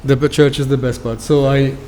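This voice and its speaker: A man's voice: mid-range voice, level tone, fairly quick, mellow, reverberant, long reverb tail, slight background noise. A man from Hungary chatting casually as a traveling vlogger, in a plain, hesitant way. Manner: hesitant, simple phrasing. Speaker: vlogger, tourist. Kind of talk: casual chat. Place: large echoey church and museum.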